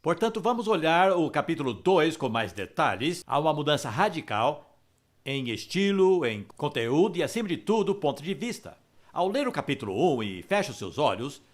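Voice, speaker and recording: Male Bible teacher, somewhat high voice, very animated delivery, emphatic. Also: normal speed. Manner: emphatic, explanatory.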